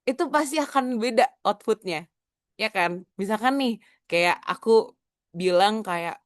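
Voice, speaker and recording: A woman's voice: fairly high pitch, lively intonation, a little slow, no room sound, clean studio sound. A young adult woman, a public speaking coach, teaching a casual webinar lesson over a video call. She mixes in English phrases and demonstrates vocal techniques.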